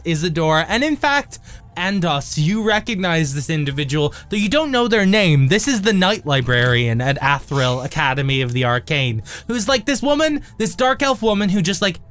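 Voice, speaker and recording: A man with a slightly high voice narrates a tabletop game as its game master. He describes scenes haltingly, pausing and stretching words, over faint background music. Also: a bit bright, clear, resonant tone.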